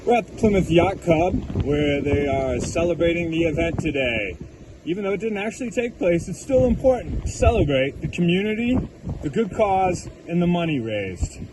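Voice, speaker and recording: A man's voice: fairly high pitch, big pitch swings, normal speed. A man reporting on location at an outdoor event, interviewing in a jokey, theatrical way. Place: outdoors at a rainy, windy waterfront event. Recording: noisy outdoor location sound.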